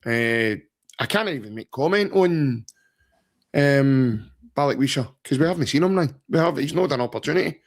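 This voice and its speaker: On a football podcast, a Scottish co-host talks at normal speed in an expressive, medium-pitched voice. He's casual and joking, rambles freely and leans on "mate" and "aye."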